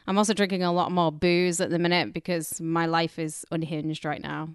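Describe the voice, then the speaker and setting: A woman's voice: lowish voice, level tone, normal speed, clean tone, dry recording, studio quality. A woman with a Cumbrian accent co-hosting a casual podcast, bantering in regional slang with blunt, crude humour. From Carlisle, Cumbria, England. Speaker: podcast co-host.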